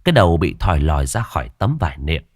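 A man narrating a ghost story in a dramatic, expressive way, voicing every character himself. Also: extremely low pitch, quick pace, a little hiss or hum. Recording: dry voice over faint music. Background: faint background music.

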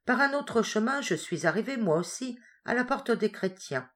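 A woman voicing a frail young boy who excitedly boasts of his deeds in a storybook reading. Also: on the high side, moderate pace, voice pushed up. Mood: boastful.

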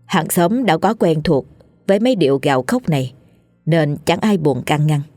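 A woman, narrating a scripted ghost story in a steady reading voice. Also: deep voice, moderate pace, no room sound, soft background music.

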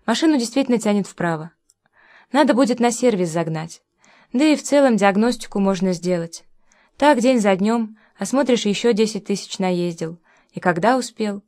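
A woman's voice: medium pitch, expressive, normal speed, darkish tone, lightly acted. A woman reading the lines of an easygoing grown man who talks in a chatty, conversational way, in an audiobook. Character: easygoing adult man, chatty and a bit defensive.

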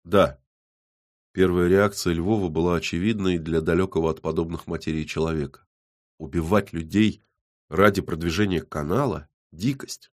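Deep-voiced man for measured audiobook narration. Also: steady tone. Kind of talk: scripted narration.

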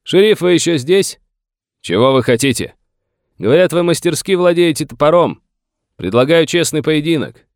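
A man voicing a bold, mocking outlaw gunman who shouts his taunts from a distance. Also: fairly high pitch, expressive, normal speed, no echo, clean studio sound, pitched above the performer's own voice. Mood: taunting shout.

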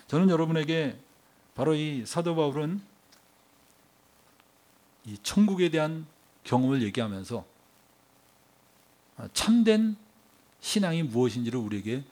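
Emphatic preacher man, slightly high voice. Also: expressive, unhurried, long pauses. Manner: fires rhetorical questions at the congregation; emphatic, swings between hushed and raised delivery. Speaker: pastor. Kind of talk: sermon.

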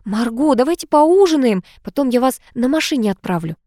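A woman's voice: high voice, animated, brisk, mellow, no echo, studio quality, pitched above the performer's own voice. A woman doing a gracious older society lady. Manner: mentoring, gracious.

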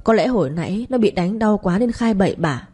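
A woman's voice: medium pitch, lively intonation, fairly quick, warm tone, husky. A woman voicing a proud young wife, tearful and bitter at being wronged. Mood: sobbing.

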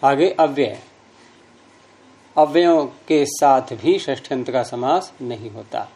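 A man's voice: medium pitch, lively intonation, takes it slowly, dark tone. A man teaching Sanskrit grammar, patiently explaining rules step by step with examples and repeating key terms.

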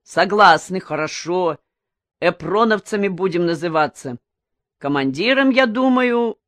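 A woman's voice: on the low side, animated, a little slow, fairly bright tone, dry recording. A woman voicing a bossy teenage boy who leads his friends, speaking firmly. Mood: commanding. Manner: firm, commanding.

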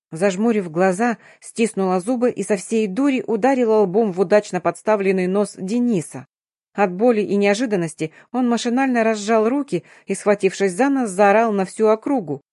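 A woman narrating a first-person audiobook in an even, measured reading. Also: mid-range voice, dry recording, clean studio sound.

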